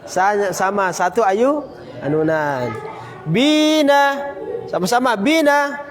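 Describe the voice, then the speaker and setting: A man teaching a Quran recitation lesson, drilling students with repeated questions and slowly chanting example words. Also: extremely high pitch, expressive, long reverb tail. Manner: occasional coughs, casual. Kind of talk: classroom tajwid lesson.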